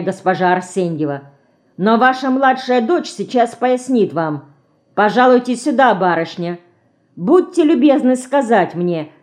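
A woman's voice: mid-range voice, darkish tone, pitched above the performer's own voice, lightly acted. Woman reading a pompous, officious police detective. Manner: formal and bureaucratic, shrieking when scared.

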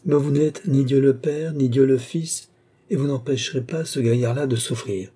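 A man's voice: mid-range voice, fairly even intonation, normal speed, warm tone, breathy edge, pitched above the performer's own voice, lightly acted. A man voicing a sardonic, scornful male surgeon in an audiobook, speaking in a mocking, argumentative way. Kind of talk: audiobook character voice.

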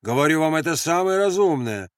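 A man's voice: fairly high pitch, expressive, a little fast, dry recording, clean studio sound, voice pushed up, natural voice. A man doing a blunt, scornful grenadier. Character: gruff mocking male anarchist grenadier.

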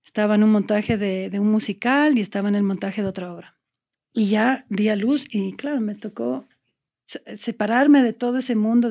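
A woman's voice: mid-range voice, warm tone. A woman in her forties, an actress speaking as a podcast guest, earnest and reflective as she talks in long, searching sentences. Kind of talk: candid conversational interview.

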